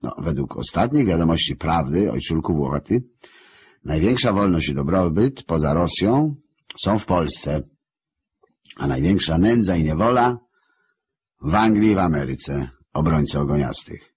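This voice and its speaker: A tall dignitary of hell flatters his master in an officious tone and a husky voice, as a male narrator puts him on. It is pitched above the reader's deep tone. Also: moderate pace, full character voice. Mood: obsequious.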